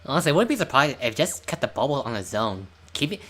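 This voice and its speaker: A man's voice: medium pitch, very animated, fast, fairly bright tone, faint music behind. A man casually commentating a game match over a voice call, chatty and stumbling over restarts. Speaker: caster.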